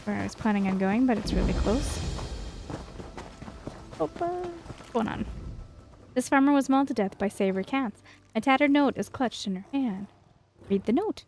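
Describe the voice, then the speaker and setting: A soft-spoken woman doing casual game commentary and reading quest text aloud. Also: a little high, lively intonation, moderate pace, long pauses, slight background noise. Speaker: gamer, host of a play-through.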